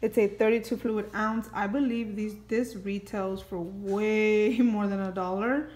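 Casual mom vlogger, thirties, mid-pitched, filler-heavy chat, echoey room. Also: female voice, fairly even intonation, measured pace, darkish tone. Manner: chatty, many ums and likes. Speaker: family vlogger. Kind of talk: casual haul video. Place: home kitchen, indoors.

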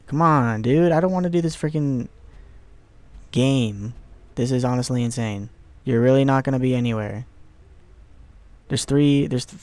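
A young man giving casual let's play commentary on a horror game, excitable, muttering to himself and swearing. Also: medium pitch, no echo.

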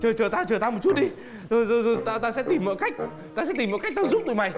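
A man's voice: very high-pitched, sing-song, racing. An actor playing a fussy young man who wails and stammers over his friends. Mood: mock grief. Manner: over-dramatic wailing and stammering. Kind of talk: sitcom acting. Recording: music playing behind.

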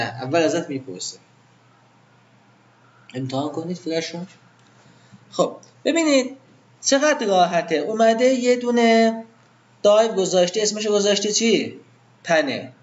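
A man's voice: high-pitched, highs cut off, slight background noise. A man teaching web design to a live class in an informal way, asking the students questions and then answering them himself.

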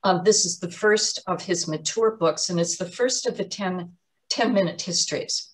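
A woman giving an explanatory museum talk on artist's books, measured and often pausing with um and uh. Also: fairly low pitch. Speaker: art lecturer.

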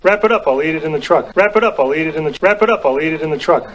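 A man's voice: on the high side, lively intonation, slow pace, a bit bright, highs cut off. An actor with an American accent playing an oblivious, easygoing handyman in a TV drama scene, talking in an offhand, clueless way.

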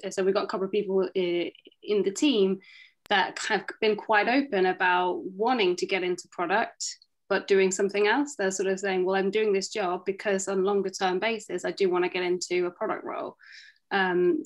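A woman speaking as a panelist over a video call, thoughtful and hesitant, with many pauses and restarts. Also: mid-range voice, rough recording. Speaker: panelist, product director. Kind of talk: panel answer, casual. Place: home room, indoors.

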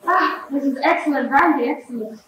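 A woman's voice: high-pitched, fairly quick, a bit bright, soft background music. A teenage girl acting a fussy, indignant male doctor companion on a school stage, heard far off in an echoey hall. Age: teens. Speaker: student actor. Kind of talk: stage play performance. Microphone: distant room mic.

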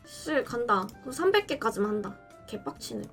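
A synthetic woman's voice narrates gameplay in a high, very lively way, bursting into dramatic pleas and cheers. Its tone is bright and sharp. Faint music plays behind it. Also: moderate pace. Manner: excitable, dramatic outbursts and pleading. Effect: text-to-speech voice. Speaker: game streamer. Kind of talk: gameplay commentary.

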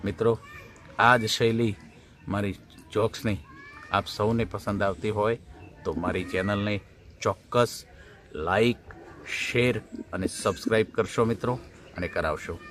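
A male comedian telling folksy jokes, animated and shouting his punchlines. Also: on the low side, unhurried, long pauses. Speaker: stand-up comedian.

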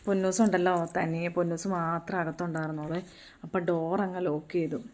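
A woman's voice: fairly low pitch, little pitch movement, a little fast, darkish tone. A woman, chatting in a casual home vlog and coaxing her toddler in a sing-song way. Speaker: mother and home vlogger.

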